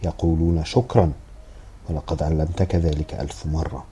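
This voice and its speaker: A stern, fretful old grandmother who scolds sharply, read by a man in a very low, very dark voice. Her words come from a storybook read aloud. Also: steady tone, moderate pace, husky, full character voice. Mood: scolding. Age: older.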